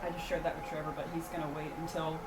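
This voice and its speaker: A woman's voice: low voice, flat delivery, racing. A woman chatting casually with friends as a player at a tabletop game. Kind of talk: casual group chat. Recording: loud noise, echoey, far from mic.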